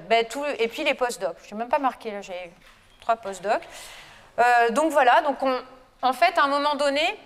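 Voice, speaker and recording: A woman's voice: high-pitched, in a large hall. A French woman, a lecturer and researcher, giving a chatty, informal conference talk to students with frequent hesitations. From France. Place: lecture hall.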